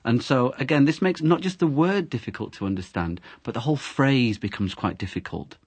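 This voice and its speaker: A man's voice: mid-range voice, a little fast, breathy edge, no room sound. A man, an English teacher, explaining word stress and exaggerating it in his examples. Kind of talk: explaining pronunciation tips.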